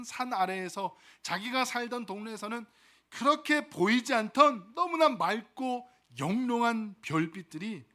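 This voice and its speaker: A man's voice: high-pitched, sharp tone. A middle-aged male pastor preaching a sermon, telling a story with dramatic flair.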